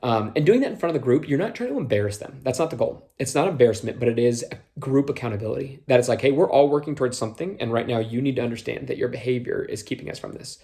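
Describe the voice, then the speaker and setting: A man's voice: medium pitch, lively intonation, fast, dark tone. A young man from Minnesota, with a slight Minnesota accent on a few words, giving casual advice on leading youth groups, with lots of fillers and acted-out quotes. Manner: conversational, many fillers, acts out quotes. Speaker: youth small group leader trainer. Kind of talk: casual instructional talk.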